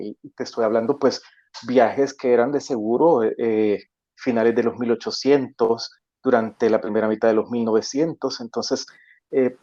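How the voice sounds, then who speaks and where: A man's voice: medium pitch, a little mellow, no echo. A middle-aged man talks as a podcast guest. He tells stories in a friendly, reflective way with easy fillers. His audio is dry and a little dull. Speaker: podcast guest, travel industry professional. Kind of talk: casual podcast conversation.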